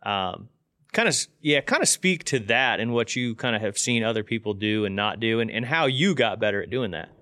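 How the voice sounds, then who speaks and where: Male host for a conversational interview show: crisp, medium-pitched, informal delivery, very dry recording. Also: expressive, a little fast, pushed and bright, no echo. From Indiana.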